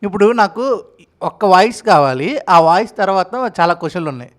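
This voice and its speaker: A man hosting an interview, enthusiastic and quick to praise his guest. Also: high voice, lively intonation. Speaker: interviewer host. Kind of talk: casual interview.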